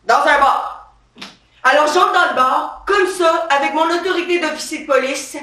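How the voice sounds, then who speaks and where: A woman's voice: high voice, moderate pace, sharp tone. A woman acting a swaggering, bossy female police officer in a satirical comedy monologue on stage. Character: brash trigger-happy female police officer, touchy and power-proud. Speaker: stand-up character performer. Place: theatre stage. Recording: roomy stage sound from far off.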